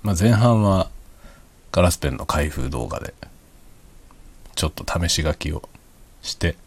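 A middle-aged man chatting casually and quietly, as if late at night, in an easygoing, explanatory way. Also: lively intonation, unhurried, husky. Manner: speaks quietly in a hushed, low night-time voice. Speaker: hobby vlogger.

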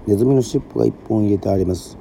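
A man from Yoron Island, a musician and podcast host, reading a children's story aloud in a steady storytelling manner. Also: on the low side, racing, vocal fry, slight background noise. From Yoron Island, Japan. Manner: steady storytelling with casual asides.

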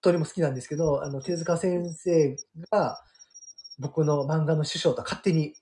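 A middle-aged man with a Kansai Japanese accent chats as a radio guest, full of fillers and quick restarts. His voice is mellow and soft-edged. A faint hiss sits under the recording. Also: fairly high pitch. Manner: animated storyteller, many fillers. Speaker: guest manga artist. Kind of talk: casual radio chat.

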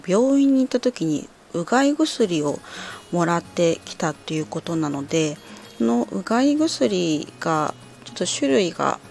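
Woman, low-pitched voice, podcast host, polite hesitant explaining, health advice talk, faint music behind. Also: a little mellow. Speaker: podcast host answering listener letters.

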